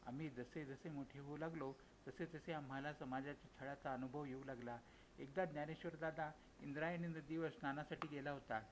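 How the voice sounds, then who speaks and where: A man's voice: mid-range voice, slight background noise, rough recording. A man narrating a devotional story in the first person, in an earnest, emotional way, sometimes stumbling and restarting. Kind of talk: dramatic storytelling.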